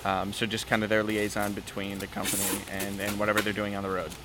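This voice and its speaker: A man who manages artist relations at a drum company, answering interview questions in a relaxed, easygoing way with many fillers. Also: fairly low pitch, fast talker, very noisy. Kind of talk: casual interview.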